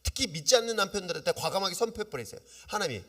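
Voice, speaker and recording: Animated male pastor in echoing hall. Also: fairly high pitch, fairly quick. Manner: lively, asks the congregation questions. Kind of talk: sermon. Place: church sanctuary. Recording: long reverb of a church hall.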